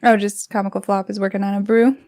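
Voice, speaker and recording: A woman's voice: medium pitch, flat delivery, fast, a little mellow. A woman co-hosting live commentary on a card game match, giving thoughtful, analytical takes and hedging as she talks through them. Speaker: co-host and commentator.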